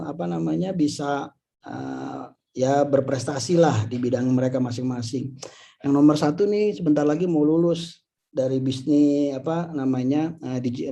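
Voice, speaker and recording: A man of around fifty with an Indonesian accent, an insurance agency leader and motivational speaker, gives an informal talk full of tag phrases and rhetorical questions. His voice is medium-pitched and mellow, and the audio sounds dull.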